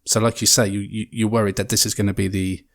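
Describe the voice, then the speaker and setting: A man's voice: on the low side, level tone, quick pace, a bit bright. A man co-hosting a podcast, talking about a film hesitantly, with many ums and repeated words. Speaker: podcast co-host. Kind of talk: casual film discussion.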